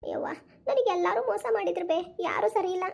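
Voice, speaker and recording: A woman's voice: very high voice, steady tone, fast, darkish tone. A woman voicing a remorseful young woman in a cartoon, pleading tearfully in a North Karnataka accent. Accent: North Karnataka Kannada. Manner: pleading, whimpering. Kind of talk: cartoon voice acting.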